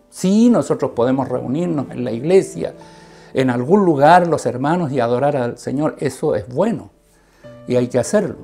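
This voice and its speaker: A preacher giving an earnest sermon, often tagging phrases with a questioning "right?" and stretching key words with sudden loud emphasis. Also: medium pitch. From Chile. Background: faint guitar music.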